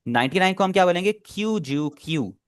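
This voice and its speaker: A man's voice: high voice, lively intonation, fairly quick, smooth. A man teaching an online language class, patiently repeating and explaining pronunciation step by step.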